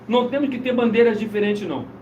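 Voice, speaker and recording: A man's voice: sits high, fast, darkish tone, lo-fi sound. A man preaching in a loose, insistent live-stream chat, repeating himself as he goes. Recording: roomy, distant mic, faint noise.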